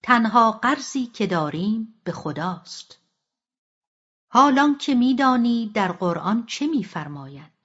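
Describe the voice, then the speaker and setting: A woman voicing a calm but firm wandering male dervish in an audiobook, speaking in a steady, unhurried way. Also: on the high side, breathy edge, full character voice. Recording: slightly dull lo-fi audio.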